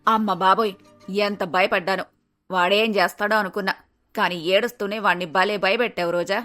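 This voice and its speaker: A fussy older mother-in-law in a cartoon story, exclaiming and scolding in a colloquial village way, as a woman puts her on. The voice sits lower and rougher than the performer's own. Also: fairly even intonation, moderate pace, a bit bright, soft background music, natural voice. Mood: frightened relief.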